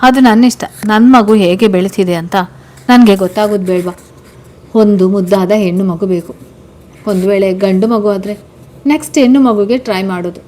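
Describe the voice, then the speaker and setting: A woman's voice: mid-range voice, moderate pace, a little mellow, lightly acted. A tender young husband from a storybook, soothing and reassuring his wife, as a woman reader puts him on. He talks earnestly, in an everyday voice. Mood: teasing.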